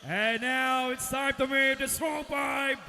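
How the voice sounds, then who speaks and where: High-pitched shouting male arena hype announcer. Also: steady tone, slight background noise. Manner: shouted, drawn-out names. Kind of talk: hype starting-lineup announcing, like a fighting game announcer. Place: large indoor sports arena. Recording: echoey arena PA with music.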